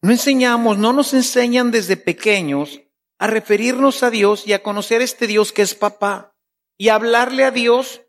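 A man's voice: very high-pitched, moderate pace, fairly bright tone. A man preaching a sermon, acting out playful prayers in shifting voices.

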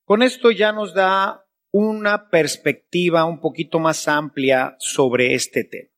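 Male priest, sermon, rhetorical questions, slightly high voice. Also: slow, fairly bright tone.

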